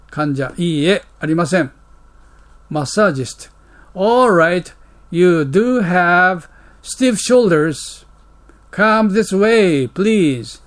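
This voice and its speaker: A man with a high voice works through an English dialogue line by line. He reads each English line slowly and carefully, then explains it with fillers and quick asides. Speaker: English teacher.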